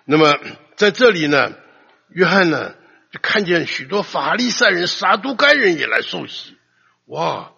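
A man preaching a sermon, telling stories in an animated way and acting out quotes with sudden loud outbursts, in a muffled lo-fi recording. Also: high-pitched, vocal fry, husky.

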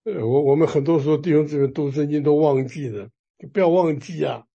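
A man preaching a sermon, emphatic and rising to near-shouts at the climaxes, with a raspy voice. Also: on the high side, fairly quick, highs cut off.

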